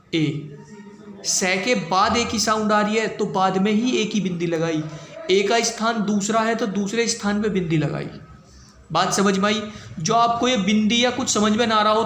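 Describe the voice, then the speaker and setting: A high-voiced man gives a shorthand lesson, walking through each step slowly and often checking that his students follow. He sounds casual and patient. The room echoes, and a faint background noise sits under his voice. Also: a bit bright. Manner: repeats points, keeps asking if it is clear. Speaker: shorthand teacher.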